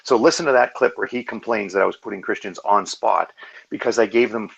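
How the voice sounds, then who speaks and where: Guest in an online chat, man with a low, gravelly voice, earnest and analytical. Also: a little fast, fairly bright tone, muffled recording. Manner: earnest, analytical, full of fillers and restarts. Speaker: hangout guest. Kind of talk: casual video call discussion.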